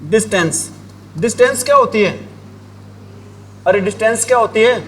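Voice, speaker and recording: There's slight background noise as a male English teacher, high-voiced and moderately paced, runs a grammar lesson. He keeps asking the class identical questions, answers them on his own, and writes on a board.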